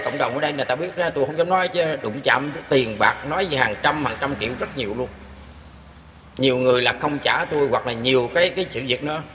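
A man's voice: mid-range voice, a bit bright. An older man recounts his own experience in a casual, earnest and rambling manner, often turning to address his listeners. His voice carries a long reverberant tail in an echoey room. Faint background noise sits beneath it. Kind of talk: casual spoken storytelling.

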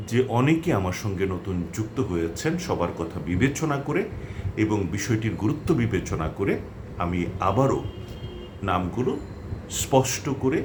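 A man giving a pronunciation lesson, reading a list of names slowly and enunciating each one clearly. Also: on the low side, background noise. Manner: slow, careful enunciation of each name; clear, measured delivery. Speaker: pronunciation teacher.

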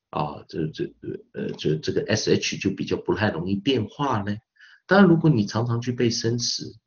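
A male English teacher gives an online phonics lesson. He spells words out slowly and fills his talk with little particles. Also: fairly low pitch, lo-fi sound. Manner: repeats spellings slowly, peppers speech with 啊 and 哦.

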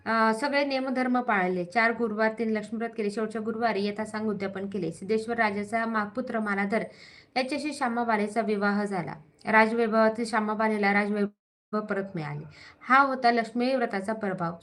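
A woman's voice: fairly high pitch, a little fast. Woman reading a devotional tale. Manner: steady reading with small slips and self-corrections. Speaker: storyteller. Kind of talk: reading a devotional vow story.

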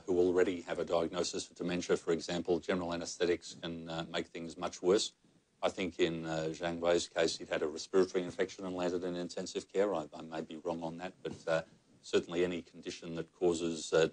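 A measured Australian man speaks with a very low, deep voice. He explains clinical matters steadily on a panel, seated at a table in a meeting room. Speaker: psychogeriatrician panellist. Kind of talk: panel discussion answers.

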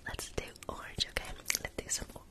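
A young man whispering softly and casually to viewers as an ASMR livestream host, close to the microphone in a small room. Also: fairly quick. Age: young adult. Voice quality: unvoiced whisper. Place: small bedroom, indoors. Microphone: close desktop microphone, sometimes with furry windscreen.

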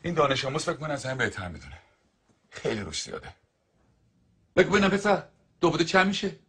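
A man's voice: a little high, big pitch swings, a bit bright. A man playing a strict, domineering schoolteacher in a dubbed film, commanding and scolding as he drills his class. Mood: stern.

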